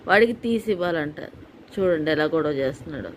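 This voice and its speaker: A woman's voice: animated, fast. Woman pet owner, casual home vlog, coaxing and scolding, background hiss. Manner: coaxing and scolding a pet, often rising high. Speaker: pet owner filming her dog. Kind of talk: casual home video narration. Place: home indoors.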